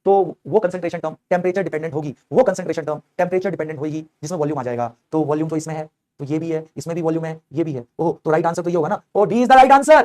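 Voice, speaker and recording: Fast-talking, coaxing chemistry teacher man. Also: on the high side. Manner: energetic, coaxing, voices students' replies himself. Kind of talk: online lecture.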